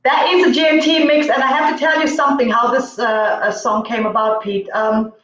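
A woman's voice: on the high side, level tone, fairly quick, a bit bright. A middle-aged woman from Zambia chats as a guest over a video call, rambling through stories with plenty of fillers. Her voice comes from a distance in a roomy space, and the audio sounds dull. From Zambia, grew up in Zimbabwe. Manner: chatty, storytelling with many fillers. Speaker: guest singer. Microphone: distant laptop mic on video call.

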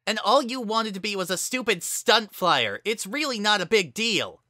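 A woman's voice: mid-range voice, animated, moderate pace, no echo, studio quality, voice pushed up. A narrator voicing a proud, prickly young female unicorn pony student, raised well above their own voice. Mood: angry. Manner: defensive, sharp-tongued.

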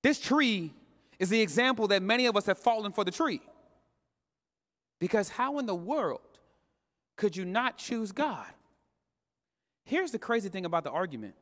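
A man's voice: high voice, big pitch swings, normal speed, pauses often, a bit bright. A male pastor preaching a live sermon, talking straight to his congregation in a casual, slangy way. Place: church sanctuary. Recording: long reverb of a church hall.

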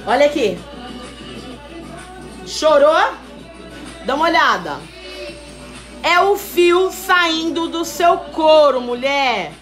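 A high-pitched woman hosting a live sales stream, chatty and teasing as she reads out viewer comments. Her voice rings in an echoey room with faint music behind. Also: slow pace, pauses often. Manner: lively, chatty and teasing, calls viewers "mulher". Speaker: host selling wigs on a live stream. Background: faint background music.

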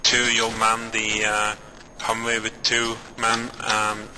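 A man's voice: on the low side, completely flat delivery, takes it slowly, a little hiss or hum, poor audio. A man giving terse, businesslike orders as squad leader over tactical voice chat in a military game. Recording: game voice chat, loud gunfire. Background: loud gunfire and artillery.

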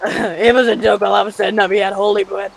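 A young man with a raspy voice, chatting casually while hosting a game challenge. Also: high voice, flat delivery, quick pace. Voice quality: raspy put-on voice. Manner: chatty, reacting to gameplay. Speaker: host running a game challenge. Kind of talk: casual gaming commentary.

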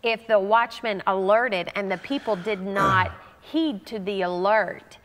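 A woman's voice: mid-range voice, measured pace, a bit bright, long reverb tail, slight background noise. A woman pastor giving an earnest, conversational sermon, often restarting her sentences for emphasis.

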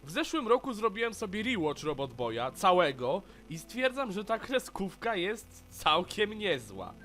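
A man's voice: sits high, sing-song, measured pace, fairly bright tone, soft background music. Chatty, opinionated male reviewer. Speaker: cartoon reviewer. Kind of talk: casual video review narration.

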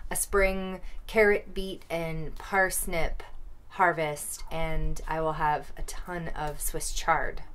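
A woman in her thirties chatting casually to camera outdoors beside rabbit hutches, playful with quick asides. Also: fairly low pitch, fairly bright tone. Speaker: vlogger. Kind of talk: casual chat.

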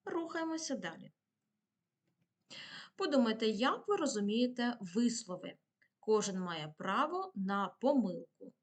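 A woman's voice: a little high, big pitch swings, a little slow, pauses often. A woman teacher giving a patient video lesson to primary pupils, asking questions and answering them herself.

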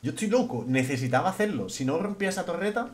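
A young man with a Spain Spanish accent, streaming a game in loud, excitable, crude banter. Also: fairly high pitch, fast. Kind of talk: casual gaming stream banter.

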